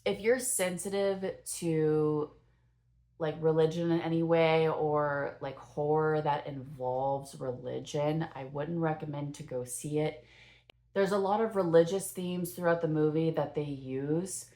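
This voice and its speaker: A young woman talks through her first impressions of a film in a loose, rambling vlog style, filling gaps with "um" and "like" and correcting herself as she goes. Her voice sits a little low for a woman. She speaks slowly and without hurry. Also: dark tone. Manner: chatty and rambling, with many fillers and self-corrections. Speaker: movie reviewer.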